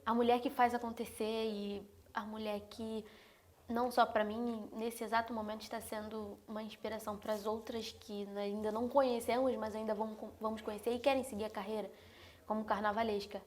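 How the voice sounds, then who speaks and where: Young woman, from Brazil, effusive and emotional, halting restarts, high-pitched. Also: level tone, darkish tone. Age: young adult. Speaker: host. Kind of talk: heartfelt interview chat.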